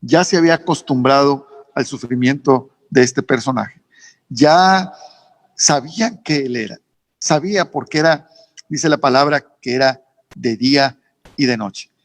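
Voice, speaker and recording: A man with a northern Mexican accent, a pastor preaching a sermon, repeating phrases emphatically and rising in pitch on key words. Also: a little slow, no echo. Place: church service streamed online.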